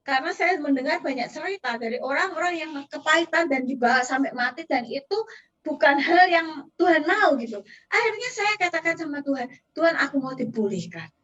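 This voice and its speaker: A woman's voice: high-pitched, brisk, a bit bright, highs cut off. A woman pastor preaching a sermon, sharing an earnest personal testimony to her congregation. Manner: emotional, earnest, addresses congregation directly. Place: church service. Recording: distant from the mic.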